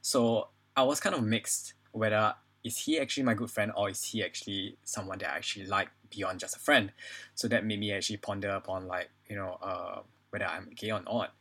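With a fairly low, fairly bright pitch and a steady tone, this Singaporean man in his twenties talks a little fast as a podcast guest. The conversation is casual and personal, his speech hesitant and full of "you know" and "like".

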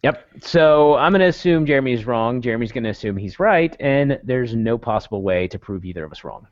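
A man's voice: mid-range voice, a little fast, no room sound. A man co-hosting a casual podcast chat, joking and laughing as he talks. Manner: joking, animated, laughs often. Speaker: podcast co-host. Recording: dull, muffled sound.

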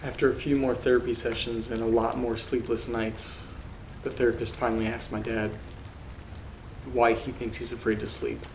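Rain and thunder fill the roomy, noisy background as an actor reads eerie letters by himself, playing an uneasy man in a horror audio drama. His mid-range voice is lightly acted with little pitch movement, subdued and measured with dramatic pauses, and the mood is somber and ominous.

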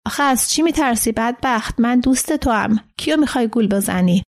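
A woman's voice: on the high side, animated. A woman reading the part of an agitated older man, a camp survivor who pleads with his friend insistently, in a storybook reading. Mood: urgent.

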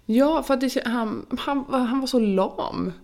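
Chatty young woman with vocal fry. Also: high-pitched, a little mellow. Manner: chatty storytelling, acting out quoted dialogue. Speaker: podcast co-host. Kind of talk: casual chat.

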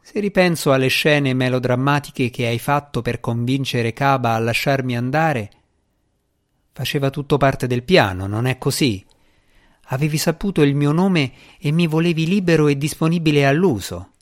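A man's voice: medium pitch, normal speed, lightly acted. Bartimeus, a man doing a mocking djinni. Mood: sardonic. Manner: mocking, theatrical sarcasm. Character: sarcastic boastful male djinni spirit in boy form. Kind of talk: audiobook character reading.

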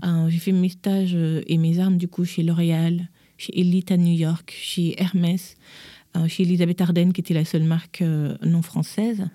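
The voice of a woman in her thirties, fairly low and mellow, recounting her own path as an interview guest. She tells it with energy and slips into other people's voices when she quotes them. The sound is dry, with no room echo. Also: moderate pace. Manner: lively, acts out quotes in changed voices. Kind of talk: personal storytelling in conversation.

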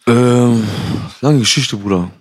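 A man's voice: medium pitch, slow. A young man from Cuba, a podcast guest, telling stories in casual slangy talk, calling the host bro. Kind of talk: casual storytelling.

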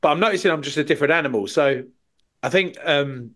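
British male, a touch high-pitched, blunt and sweary, casual chat. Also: fast talker, a bit bright.

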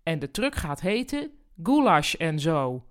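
A woman's voice: deep voice, very animated, a little slow, clear, resonant tone. A woman reading the part of a cheerful, impulsive male guinea pig in an upbeat, eager manner.

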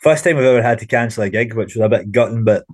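Speaking fast in a slightly rough, low-leaning voice, this Scottish rock frontman from Glasgow banters on a podcast, slangy and occasionally swearing. There's no echo on the recording.

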